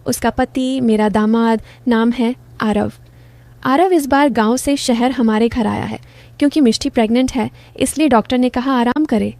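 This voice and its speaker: A woman's voice: on the high side, moderate pace, darkish tone, no echo. Woman in her forties telling a confessional story. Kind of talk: first-person story narration.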